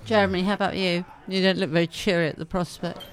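A man's voice: sits high, fairly even intonation, fast, faint music behind. Dry, wry man chairing a chat.

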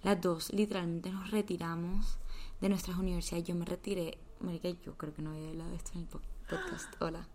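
A woman's voice: on the low side, level tone, fast, darkish tone, a little hiss or hum. A twenty-year-old woman with a Colombian accent, telling stories in a casual podcast chat, full of slang and swearing. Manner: chatty storytelling with slang and swearing. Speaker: podcast co-host.

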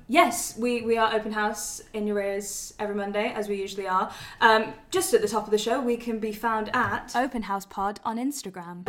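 A woman's voice: medium pitch, fairly bright tone, slight background noise. A woman co-hosting a podcast, chatty and upbeat in casual talk. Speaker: podcast co-host. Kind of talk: casual chat.

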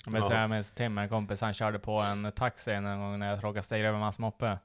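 A young man telling a funny story in casual chat, laughing often and mimicking people in squealing high voices. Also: monotone, a bit bright, clear, resonant tone.

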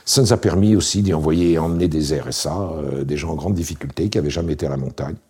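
Very deep-voiced man in his sixties. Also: fast, breathy edge. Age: 60s. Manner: relaxed, wry, anecdotal with frequent fillers. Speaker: interview guest, founder. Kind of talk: casual storytelling interview.

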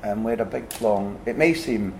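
A man's voice: fairly low pitch, normal speed, slight background noise. A man hosting a conversational interview, putting long, winding, reflective questions to his guest. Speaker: interviewer, podcast host.

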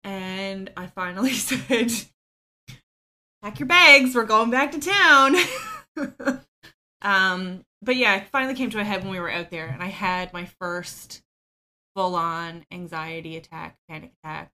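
She is a podcast guest who tells personal stories openly, often with small laughs, self-deprecating remarks, and frequent ums. Her medium-pitched voice has a sharp tone, and her pace is a little slow.

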